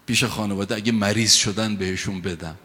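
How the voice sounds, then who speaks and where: A man's voice: on the low side, steady tone, bright, forceful tone. A man voicing a proud male king who makes commanding but courteous requests. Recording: long hall reverb.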